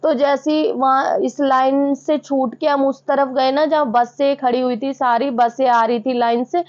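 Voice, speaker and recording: Young woman telling her devotion story, earnest, high voice, kinda muffled recording. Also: level tone, measured pace, a little mellow. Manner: earnest, often addresses listeners as sangat ji. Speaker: devotee sharing a personal experience. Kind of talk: emotional testimony to a devotional audience. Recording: slightly dull lo-fi sound.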